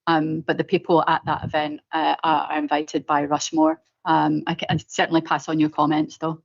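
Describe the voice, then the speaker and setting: A woman with a Glaswegian accent giving a semi-formal update at a meeting, pausing often mid-sentence in a hesitant way. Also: sits low, monotone, creaky, dull audio. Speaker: presenter of a planning update at a meeting.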